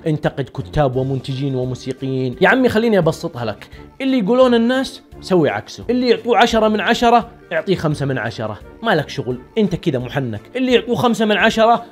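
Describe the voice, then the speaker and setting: Young male comic, quick sarcastic patter, slightly high voice, faint music under. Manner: mock-advice, teasing, rapid and animated. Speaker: comedy YouTuber. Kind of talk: sarcastic comedic monologue.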